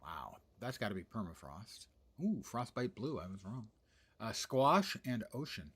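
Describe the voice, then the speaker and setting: A man's voice: lowish voice, very animated, unhurried, a bit bright, slightly rough. A man giving casual game commentary, musing aloud in a wry, playful way. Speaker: gaming host.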